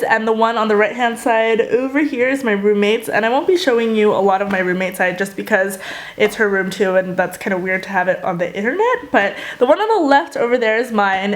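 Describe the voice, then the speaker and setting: A woman's voice: fairly high pitch, a little fast. A young woman vlogging in a casual, chatty style, with a muffled, swallowed-sounding voice from being a little sick with tonsillitis. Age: young adult. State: mildly sick, recovering from tonsillitis. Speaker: video blogger.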